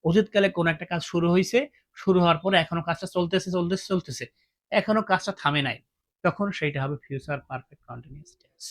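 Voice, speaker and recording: A man's voice: high-pitched, quick pace. A man teaching English grammar, asking his students questions and repeating each point. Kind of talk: classroom-style grammar lesson.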